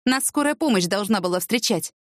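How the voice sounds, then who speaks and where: A woman voicing Yana, a restless young woman who talks in quick, pleading exclamations. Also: medium pitch, animated, dry recording, clean studio sound, close to an everyday voice. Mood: brisk.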